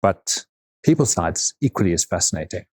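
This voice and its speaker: A middle-aged man with a low voice, recorded dry and close. He speaks reflectively in an interview, unhurried and repeating words as he gathers his thoughts. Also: big pitch swings, a little mellow, breathy edge, no echo. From South Africa. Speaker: guest, overland vehicle consultant.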